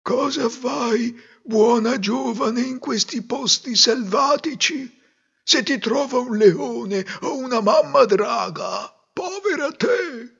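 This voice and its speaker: A man voicing an old male hermit in a fairy tale, slow, drawn-out and gentle. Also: extremely high pitch, vocal fry, breathy edge, lo-fi sound, voice pushed up, heavily acted. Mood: kindly. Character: old male hermit, kindly but helpless.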